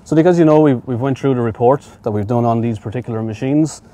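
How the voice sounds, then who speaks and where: A man's voice: medium pitch, fast, warm tone. A middle-aged man, an equipment inspector walking through machine reports outdoors at an auction yard, practical and prone to repeating words. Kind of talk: on-site equipment walkthrough.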